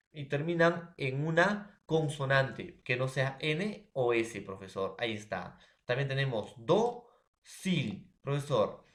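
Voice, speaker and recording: A male teacher walks his students through a grammar lesson, speaking at a middling pitch. He works step by step and keeps checking in with his listeners. The room around him sounds echoey. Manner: explains step by step, calls the listeners "profesor" and "jóvenes". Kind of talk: classroom lesson.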